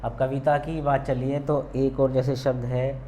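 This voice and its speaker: A patient man teaches a spelling lesson, saying each word slowly and pausing often to check that his students follow. His voice sits at a middle pitch, with a faint hiss of background noise. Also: flat delivery, dark tone. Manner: patient, repeats words slowly and checks in with "ठीक है".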